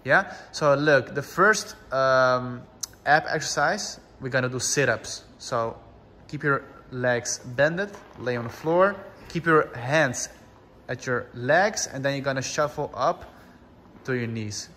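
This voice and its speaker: Bright-voiced, unhurried male workout instructor. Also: mid-range voice, big-room sound, slight background noise. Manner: encouraging, short commanding cues. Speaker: fitness class instructor. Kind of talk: instructing a home workout class with cues and countdowns.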